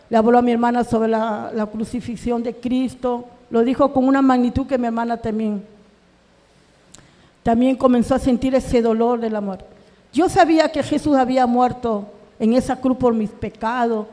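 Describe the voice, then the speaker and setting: A woman's voice: on the high side, warm tone, big-room sound. A middle-aged woman from Peru giving an earnest, emotional personal testimony in a church, acting out remembered conversations as her voice rises in anguish. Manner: earnest, acts out remembered dialogue, voice rising in anguish. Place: church hall.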